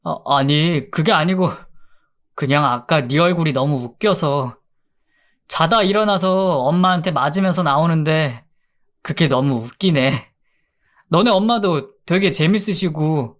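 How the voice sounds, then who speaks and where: A woman voicing an awkward young man in a storybook radio drama, dropping to a lower, softer voice. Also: measured pace. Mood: sheepish. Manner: lower, softer voice than her narration.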